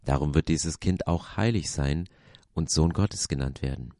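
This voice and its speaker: A man reading the lines of a solemn male angel in a Bible story, in a measured, steady way. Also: a bass voice, vocal fry, dry recording, clean studio sound, pitched below the performer's own voice.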